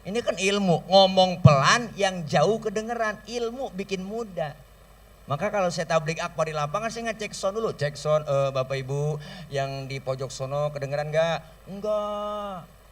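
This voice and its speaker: A man with a Betawi accent giving a comic sermon from a stage, telling stories lively and mimicking sounds and voices. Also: a little high, normal speed, recorded from a distance. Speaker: preacher. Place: stage at an outdoor school celebration. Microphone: stage microphone through a sound system.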